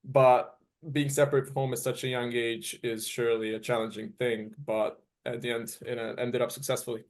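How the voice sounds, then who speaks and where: A man's voice: medium pitch, flat delivery, normal speed. A young man in his twenties from Serbia, a native Serbian speaker, answering interview questions earnestly and often restarting as he searches for words. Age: 20s. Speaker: guest college tennis player.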